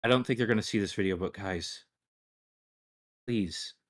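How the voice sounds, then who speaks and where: A man co-hosting a casual live-stream chat, rambling and restarting his sentences, often trailing off quietly. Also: fairly low pitch, normal speed. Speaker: co-host.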